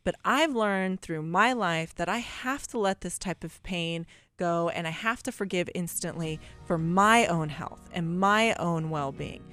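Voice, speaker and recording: A woman's voice: fairly low pitch, a little slow, hardly any pauses, fairly bright tone, soft background music. A woman in her thirties, a radio guest telling a family story with emphatic repetition. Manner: emphatic, repeats herself. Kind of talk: radio interview, personal story.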